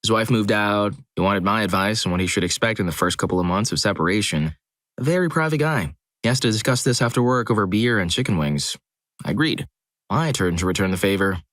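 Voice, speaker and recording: Male narrator, lowish voice, expressive first-person storytelling from a script, very dry recording. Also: fairly quick, no room sound.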